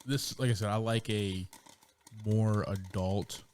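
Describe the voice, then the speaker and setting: A man co-hosting a casual movie-review podcast, relaxed and chatty, often calling his friend "man" and "brother.". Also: fairly low pitch, slow pace, a little hiss or hum. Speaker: podcast co-host.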